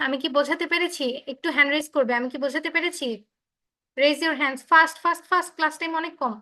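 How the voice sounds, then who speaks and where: A woman with a Bengali accent teaching an online English class over a video call, explaining slowly and repeating herself as she switches between English and Bengali. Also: high voice, pushed and bright.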